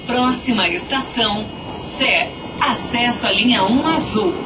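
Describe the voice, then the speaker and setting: A woman making recorded train station announcements in a measured, formal announcing voice over a loudspeaker. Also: fairly high pitch. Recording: echoey, distant loudspeaker with train noise. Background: train and station ambience.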